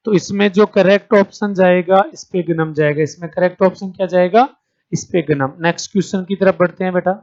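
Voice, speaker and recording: A man's voice: sits high, fairly even intonation, brisk, darkish tone, dull audio. A man teaching an exam-prep lecture, who asks the class each question and then answers it, calling his students "beta" and checking in with "theek hai". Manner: calls students 'beta', checks understanding with 'theek hai'.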